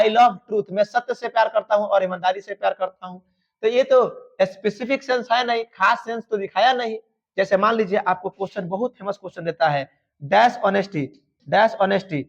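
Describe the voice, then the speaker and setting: Male teacher, high voice, emphatic and repetitive exam coaching, dull lo-fi recording. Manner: emphatic, repetitive, addresses students fondly. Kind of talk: exam-prep grammar lesson. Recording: dull lo-fi sound.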